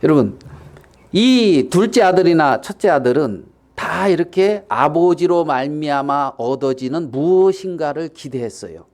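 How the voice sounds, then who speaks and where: A man's voice: a little high, a little slow. A male pastor giving a sermon, asking the congregation questions and acting out the quotes he reads. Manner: animated, acts out quotes, asks the audience questions.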